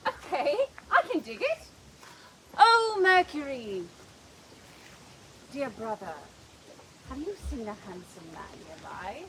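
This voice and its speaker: Bubbly young noblewoman, playful, high animated voice, clear outdoor noise with horses. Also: slow, long pauses, heavily acted. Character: cheerful spirited young noblewoman. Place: outdoors on a farm. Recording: noisy outdoor stage recording.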